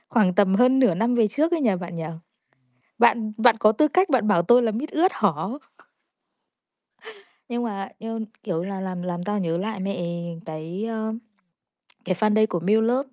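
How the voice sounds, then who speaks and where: A woman's voice: mid-range voice, a little mellow, dry recording, dull audio. A woman, chatting casually in a crude, self-mocking, rambling way full of restarts. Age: 30s. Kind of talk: casual chat.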